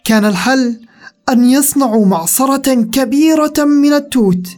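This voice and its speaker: Casting: woman storyteller, somewhat high voice, animated, soft music behind. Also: moderate pace. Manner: expressive, animated reading. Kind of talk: children's story narration.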